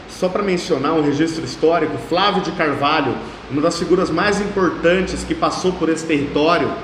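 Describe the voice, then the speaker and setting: A man in his thirties with a São Paulo state Portuguese accent, a mayoral candidate speaking emphatically in an interview, repeating phrases for force. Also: on the high side. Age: 30s. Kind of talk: political interview. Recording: echoey room, faint background hum.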